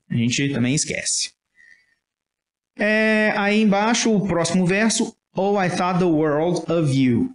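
A man with a Brazilian Portuguese accent, teaching English in a casual lesson and patiently checking that listeners follow. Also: a little high. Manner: explains patiently, checks understanding often with "tá?". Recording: roomy echo.

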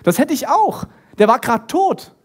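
Animated, husky-voiced man preaching a sermon. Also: very high-pitched, moderate pace. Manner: animated storytelling, addresses listeners directly. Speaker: pastor.

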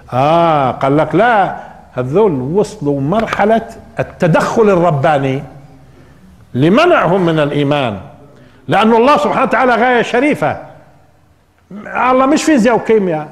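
A man's voice: fairly high pitch, in a large hall. An older man with a Levantine Arabic accent teaching a spoken Quran interpretation lesson, asking rhetorical questions and repeating key phrases for emphasis. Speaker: Islamic preacher and teacher.

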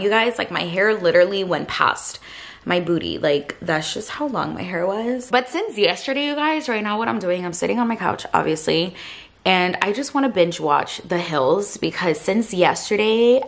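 A woman's voice: mid-range voice, a bit bright. A tired young woman chatting casually to her vlog camera from her couch at home, full of "like" and "you guys". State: tired after a night shift. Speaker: vlogger. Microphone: handheld vlog camera.

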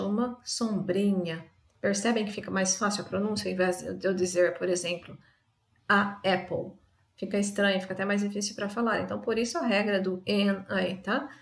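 Gravelly-voiced woman teaching a lesson. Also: mid-range voice, roomy sound. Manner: explains step by step, often adds "tá?". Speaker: English teacher. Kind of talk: recorded remote lesson.

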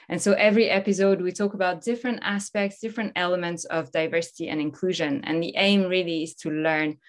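A woman in her thirties hosting an online talk show from a home office. She sounds upbeat and welcoming, speaking into a laptop webcam on a video call. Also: on the low side. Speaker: host.

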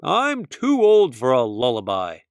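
A man's voice: medium pitch, wildly swooping pitch, unhurried, clean tone, dry recording. A man voicing a boisterous young male bear in a storybook, blunt and boastful.

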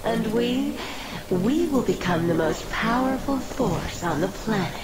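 A calm, menacing plant villainess speaks in a slow, gravelly purr from a video game. Her voice sits a little low and she draws out every threat. Loud game noise runs underneath.

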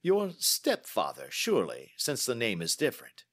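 A man's voice: medium pitch, huge pitch swings, normal speed, a bit bright, no room sound, studio quality, voice pushed up. A man voicing a self-assured, analytical male detective in an audiobook. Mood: probing. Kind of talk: audiobook character dialogue.

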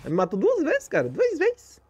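A man from Brazil, a gaming streamer giving excited, jokey commentary as he plays, repeating his callouts and shouting at big plays. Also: very high voice, a little fast, highs cut off.

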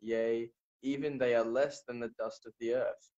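A man reads scripture aloud over a video call from a chapel, but his stream keeps dropping and breaking up. The sound is dull and lo-fi, his pitch sits mid-range, and his delivery is hesitant, full of restarts. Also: steady tone, normal speed, darkish tone. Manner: hesitant, many fillers and restarts. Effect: choppy, breaking-up internet stream audio. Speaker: guest sharing a scripture message. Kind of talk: devotional talk and scripture reading. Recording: lo-fi call audio over an unstable connection.

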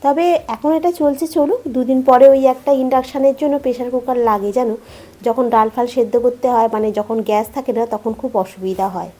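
A woman's voice: on the high side, fairly even intonation, normal speed, warm tone, reverberant. Chatty woman vlogging at home. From India. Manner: chatty, keeps turning to viewers with "you know". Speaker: daily vlogger. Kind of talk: casual vlog narration. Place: home kitchen, indoors.

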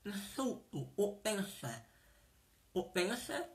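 A woman's voice: medium pitch, very animated, slow. A woman teaching sign language vocabulary, saying each word and repeating it, often checking whether the class has understood.

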